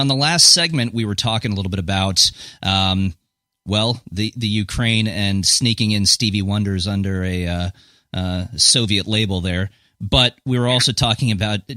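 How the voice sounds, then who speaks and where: A man hosting a podcast, asking questions in a relaxed, friendly way with some fillers. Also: lowish voice, dry recording, clean studio sound. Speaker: podcast host. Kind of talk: casual interview hosting.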